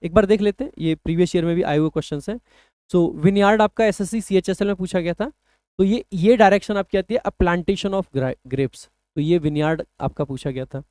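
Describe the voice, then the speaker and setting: A man teaching English vocabulary for an exam, explaining patiently and slowing down to read English phrases aloud. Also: sits high, a little mellow, no room sound. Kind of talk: exam-prep lesson.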